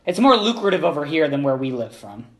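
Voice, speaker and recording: A man voicing a polite young woman sailor, the captain's daughter, who speaks softly and wistfully. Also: a little high, very animated, fast, pitched below the performer's own voice.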